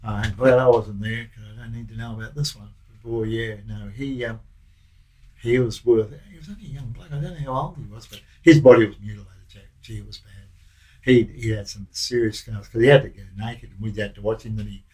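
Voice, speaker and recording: An older Australian former prison officer recalling stories in a loose, rambling way with plenty of restarts. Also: male voice, on the low side, fairly even intonation, fairly quick, a little mellow, poor audio. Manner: rambling, broken anecdotes with many restarts. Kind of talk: casual recollection.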